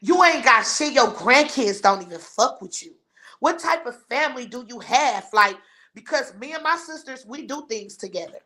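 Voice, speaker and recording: A woman's voice: high-pitched, animated, normal speed, bright, forceful tone. A woman hosting a live stream, ranting bluntly and scornfully while reading and answering her viewers' chat. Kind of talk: heated live-stream rant.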